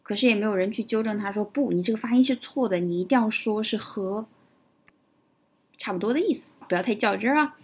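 A woman's voice: medium pitch, a little fast, husky. A woman teaching English vocabulary, explaining words step by step, building example sentences and often checking in with "right?". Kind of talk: vocabulary lesson.

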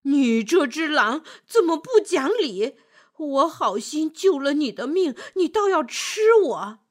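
A woman's voice: high voice, sing-song, unhurried, husky, heavily acted. A woman voicing a kind, timid male scholar in a storybook, flustered and stammering. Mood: indignant.

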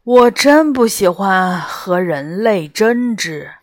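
A woman voicing a grumpy, fierce male tiger-like beast in a storybook, speaking in a gruff, curt and irritable way. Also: medium pitch, animated, takes it slowly, no echo, clean studio sound. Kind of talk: storybook character voice.

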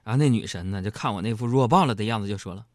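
A man doing a stand-up comedy monologue. He talks to the audience in an animated, mock-indignant way. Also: lowish voice, racing, very noisy.

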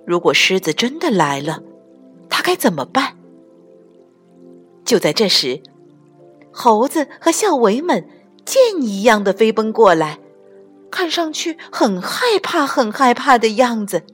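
Woman reading a children's story, slow, animated, husky, soft music underneath. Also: a little high. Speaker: storyteller mother. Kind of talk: children's picture book reading.

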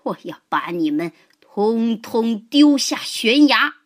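A woman voicing a huge, bullying male giant in a children's story, roaring slow boasts. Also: a little high, big pitch swings. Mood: menacing.

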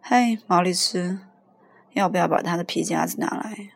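An offhand young woman with a cold streak, read by a woman. She speaks flatly in a low, slightly breathy voice. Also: moderate pace, dry recording, studio quality.

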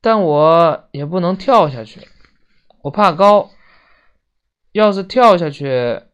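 A storyteller reading a children's book aloud slowly and expressively, doing the characters in different voices. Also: medium pitch, animated, clean tone. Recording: dull lo-fi recording.

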